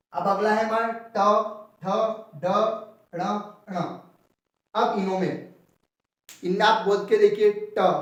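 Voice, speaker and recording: A young man teaching a Hindi lesson, drilling each term by asking the class what it is called and answering himself. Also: high voice. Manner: repeats key terms as rhetorical questions. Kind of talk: explanatory Hindi grammar lesson. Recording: echoey room, voice from far off the mic.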